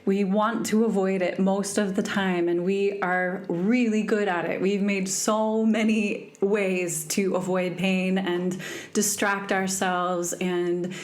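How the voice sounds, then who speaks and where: A woman's voice: mid-range voice, flat delivery, takes it slowly. Earnest woman podcaster talking self-help. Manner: earnest, reflective, often asks "right?". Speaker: podcast host. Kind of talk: casual self-help talk.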